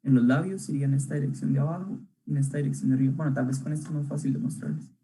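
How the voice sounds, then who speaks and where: A man's voice: mid-range voice, steady tone, very fast, warm tone, a little hiss or hum, rough recording. A young man teaching an online illustration workshop, talking casually while he draws, with many fillers and checking questions. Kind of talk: live online drawing lesson.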